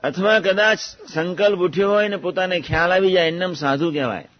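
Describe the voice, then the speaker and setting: A man giving a measured, reflective devotional discourse about a guru's teachings. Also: high-pitched. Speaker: religious speaker recounting a guru's teachings. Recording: muffled lo-fi recording.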